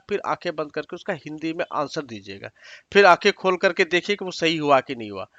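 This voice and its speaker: Male teacher, higher pitch, patient step-by-step drilling of words, dry dull-sounding recording. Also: fairly bright tone, no echo. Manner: patient, repeats each word and its meaning step by step; addresses learners directly with instructions. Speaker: Sanskrit teacher. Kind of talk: exam-prep lesson explaining sentences.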